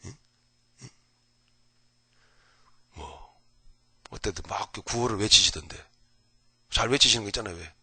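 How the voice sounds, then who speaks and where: A male pastor giving an early morning Bible lecture in a folksy, animated way, jumping between loud outbursts and whispers and often asking his listeners "right?". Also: lowish voice, measured pace, pauses often, slightly rough, no room sound.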